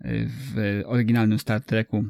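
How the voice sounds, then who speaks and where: Creaky, mellow-voiced man in film discussion. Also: fairly low pitch, flat delivery, normal speed, dry recording, studio quality. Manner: hesitant, wordy, often tags phrases with 'prawda'. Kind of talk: casual analytical discussion.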